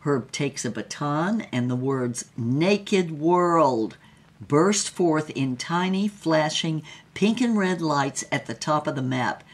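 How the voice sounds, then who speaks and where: Her voice sits low and expressive, and she takes her time. In character as a wry, brassy showgirl, this woman tells her own tale through theatrical, vivid dramatized narration in the first person.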